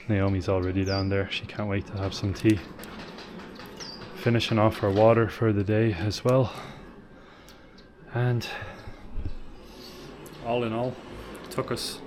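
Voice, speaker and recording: A man's voice: lowish voice, noisy background. A man narrating a travel vlog after a long mountain hike, tired but upbeat. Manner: tired, upbeat commentary while hiking. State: exhausted. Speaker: travel vlogger. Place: outdoors on a mountain trail and guesthouse.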